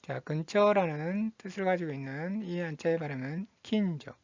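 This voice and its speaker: A woman teaching Japanese vocabulary, reading each word slowly and repeating it twice in a patient, methodical drill. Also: on the low side, a little mellow, no echo, highs cut off. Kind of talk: slow, deliberate vocabulary drill.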